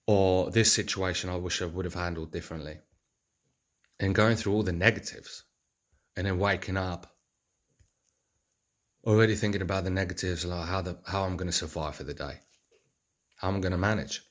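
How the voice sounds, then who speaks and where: A man's voice: low-pitched, steady tone, normal speed, long pauses. A man speaking in an earnest, rambling reflective monologue, with many fillers and restarts. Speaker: vlogger.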